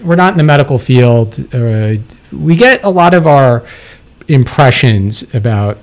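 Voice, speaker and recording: Animated male radio host. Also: medium pitch. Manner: halting, many restarts and fillers. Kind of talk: casual interview.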